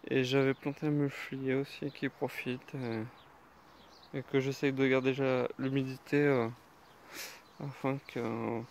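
French gardener, unhurried outdoors. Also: male voice, mid-range voice, a little mellow, a little hiss or hum. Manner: unhurried, hesitant, many fillers. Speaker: home gardener giving a garden tour. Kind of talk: casual spoken garden tour.

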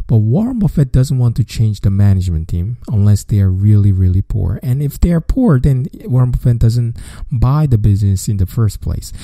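Guy in his 30s, walks thru money stuff slow and methodical, dry close mic. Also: lowish voice, no echo. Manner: steady, methodical explaining with simple repeated phrasing. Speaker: podcast host. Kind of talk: explanatory podcast lecture.

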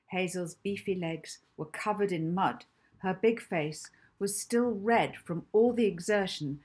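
A woman author reading her children's novel aloud in an expressive, animated storytelling manner. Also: fairly low pitch, breathy edge. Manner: animated storytelling, acting out lines. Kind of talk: expressive audiobook narration.

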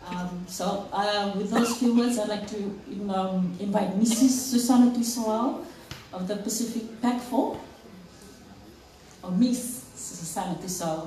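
A woman's voice: medium pitch, dark tone. Hesitant woman moderator in an echoey room. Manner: hesitant, apologetic. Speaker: panel moderator. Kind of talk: introducing a speaker. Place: event hall. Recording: echoey room, distant mic, faint noise.

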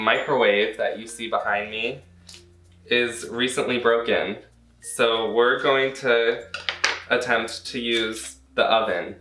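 A young American man hosts a cooking show from his home kitchen, casually walking through a recipe with playful, self-deprecating asides in a medium-pitched, sharp-toned voice. A camera mic a few feet away gives a roomy kitchen echo.

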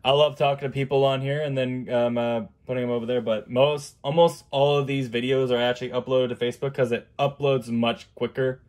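A man hosting a casual live stream, chatting in a rambling, halting way full of fillers over a video chat mic. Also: mid-range voice, flat delivery, darkish tone. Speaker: streamer host. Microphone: video chat computer mic.

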